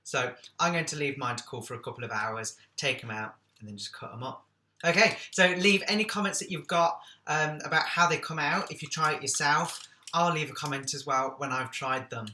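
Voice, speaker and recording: A man's voice: fairly high pitch, brisk, bright, forceful tone, reverberant. A man hosting a casual cooking vlog, chatting along with jokey, self-deprecating asides.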